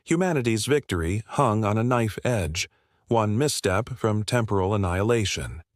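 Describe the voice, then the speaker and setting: A man narrating a scripted sci-fi war story in a steady, dramatic way. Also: lowish voice, moderate pace, no room sound, studio quality.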